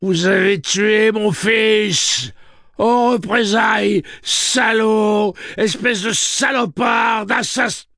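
A man voicing a grieving, middle-aged father who screams hoarse accusations. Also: sits high, fairly even intonation, takes it slowly, sharp tone, no room sound, raised voice, clean studio sound, voice pushed up, heavily acted. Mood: furious screaming. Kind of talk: audiobook character voice.

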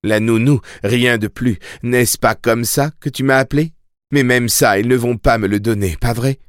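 A man's voice: mid-range voice, moderate pace, clear, resonant tone, no room sound, clean studio sound, pitched above the performer's own voice, natural voice. A man voicing a desperate young mother who pleads urgently, raising his voice for her.

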